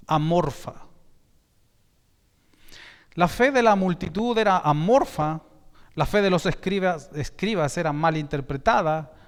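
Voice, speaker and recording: Slow, emphatic man preaching in a reverberant hall. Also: a little high. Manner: slow, emphatic preaching with sudden rises in volume; repeats and corrects himself mid-sentence. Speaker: pastor. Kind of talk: sermon. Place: church sanctuary. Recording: long reverb in a church hall.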